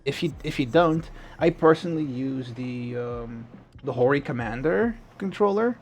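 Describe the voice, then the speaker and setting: A man's voice: mid-range voice, animated, normal speed, darkish tone, slight background noise. A young man streaming a game, chatting casually and rambling through answers to viewers' questions.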